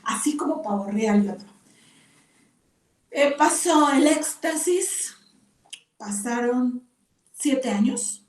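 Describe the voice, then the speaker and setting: Older woman teaching, high voice. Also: slow pace, long pauses. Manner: expressive storytelling with exclamations and laughter. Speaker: women's Bible class teacher. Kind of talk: teaching a class with personal anecdotes. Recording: echoey room from far off.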